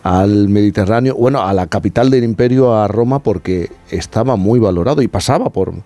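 Male host, lowish mellow voice, guiding questions. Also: brisk. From Cádiz, Spain. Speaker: radio host. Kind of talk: radio interview.

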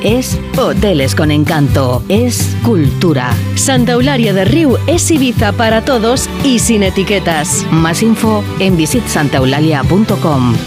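A voice reading radio advertisements in a smooth promotional style. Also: medium pitch, expressive, unhurried, music in the background.

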